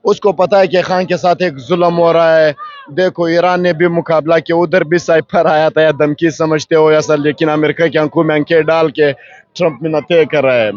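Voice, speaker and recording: A party worker at a rally giving a fervent, rousing political speech to a reporter. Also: male voice, a little high, fairly even intonation. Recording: dull lo-fi field recording.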